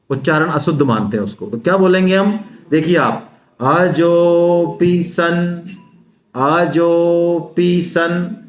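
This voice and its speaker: A man giving a spiritual lecture on the Gita, coaching Sanskrit pronunciation and chanting the verses slowly. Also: on the high side, reverberant. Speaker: Gita teacher. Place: seminar hall.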